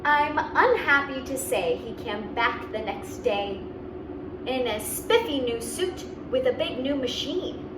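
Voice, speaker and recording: A woman with a fairly high voice reads a picture book aloud to children, acting as both storyteller and host and adding asides along the way. She is expressive and very unhurried, offering simple explanations. The mic sits a bit far from her in a roomy space, and background noise is clearly audible.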